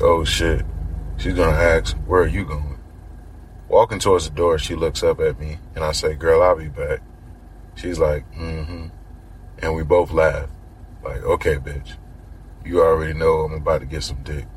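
Very deep-voiced man telling a story. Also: a little hiss or hum, poor audio. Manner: slangy, conversational, acts out quoted lines in his own voice. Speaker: podcast host. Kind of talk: casual first-person storytelling.

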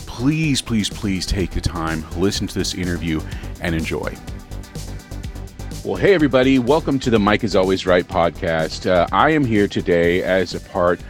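A man's voice: deep voice, animated, moderate pace, soft background music. A podcast host from the South, upbeat and joking as he interviews a guest. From Southern United States. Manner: upbeat, joking, self-promoting.

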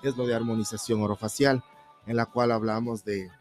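A man with an Ecuadorian highland accent and an average-pitched voice. He explains his work as a dentist in a folksy, informal interview, with faint music in the background. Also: fairly even intonation, a little fast, darkish tone. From Baños, Ecuador. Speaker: dentist guest.

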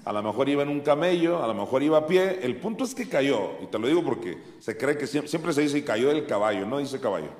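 A man with a Mexican Spanish accent preaching a sermon, animatedly acting out Bible voices with sharp rises and drops. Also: medium pitch, lively intonation, fast talker, hardly any pauses. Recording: echoey hall with faint music.

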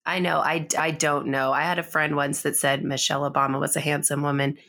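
A woman's voice: low-pitched, little pitch movement, fairly quick, bright, forceful tone. A woman guest on a casual podcast, still sick, joking and laughing a lot. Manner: laughs often, joking and self-deprecating.

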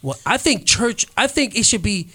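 A man in a casual discussion who talks haltingly and often restarts his sentences. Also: high-pitched, expressive, bright, forceful tone.

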